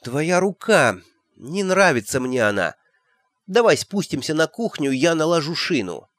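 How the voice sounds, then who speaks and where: A man's voice: on the high side, sing-song, a little slow, a bit bright, no room sound, clean studio sound, pitched above the performer's own voice. A man voicing a young queen, speaking in an offhand, breezy way. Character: calm eerie young queen, axe-wielding.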